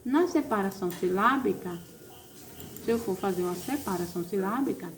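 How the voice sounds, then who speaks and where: A woman's voice: mid-range voice, expressive, moderate pace, slight background noise. A woman teacher with a Brazilian accent, patiently explaining a recorded class lesson step by step. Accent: Brazilian Portuguese. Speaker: primary school teacher.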